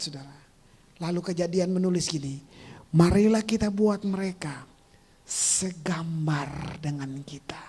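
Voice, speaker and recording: Seorang pendeta pria berkhotbah dengan gaya teatrikal dan penuh canda, berganti dari bisikan pelan ke teriakan. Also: male voice, high voice, breathy edge. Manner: theatrical, swings from hushed whispers to shouts; jokey and teasing with the congregation. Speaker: pastor. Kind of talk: sermon.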